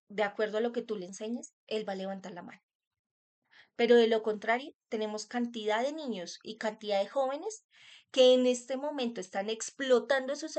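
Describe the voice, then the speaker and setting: An earnest woman, speaking as a mother leading a parenting workshop. Her voice sits a little high, and she talks directly to parents, often asking them rhetorical questions. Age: adult parent. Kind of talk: talk on child wellbeing.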